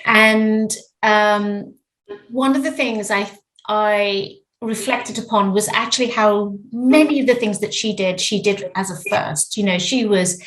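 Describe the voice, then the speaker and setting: A middle-aged woman from Zimbabwe, a lawyer giving thoughtful, measured answers as a podcast guest, often restarting her phrases. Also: mid-range voice, a bit bright, low-quality recording. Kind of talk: reflective interview answers.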